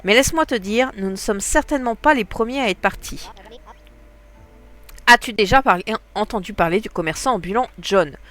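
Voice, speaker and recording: A woman's voice: mid-range voice, moderate pace, a bit bright, soft background music, natural voice. A woman with a stuffy nose voicing an upbeat, encouraging female game villager, reading the lines aloud.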